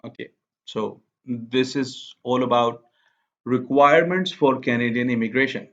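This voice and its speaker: The sound is slightly dull and lo-fi, picked up in a small indoor room where a young man gives a casual screen-share tutorial on immigration. He speaks Urdu and has a mid-range voice with fairly even intonation, moving at a measured pace through each step and often checking in with "okay."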